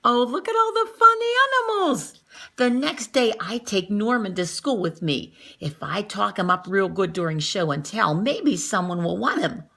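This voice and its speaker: A woman with a medium-pitched voice and vocal fry reads a children's picture book aloud at normal speed like a teacher. She's animated, acting out the dialogue and commenting on the pictures as she goes.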